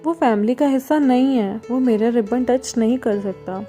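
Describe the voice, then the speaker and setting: A sulky little boy, put on by a woman storyteller, snapping petulant retorts in a very mellow, soft-edged tone. He pouts and argues, jealous and sharp-tongued, over faint background music. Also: on the high side, moderate pace, natural voice. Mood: pouty.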